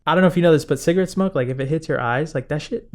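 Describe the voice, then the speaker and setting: Young guy podcasting, rambly story, laughs a lot, voice kinda highish. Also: racing, darkish tone. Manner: rambling, laughs often, heavy filler "like". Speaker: podcast host. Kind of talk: casual storytelling.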